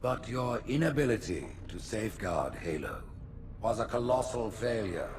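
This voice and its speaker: Stately, low-voiced alien prophet. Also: male voice, lively intonation, background noise. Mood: cold, deliberate. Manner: slow, grandiose, formal. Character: stately alien high prophet, coldly judging religious leader.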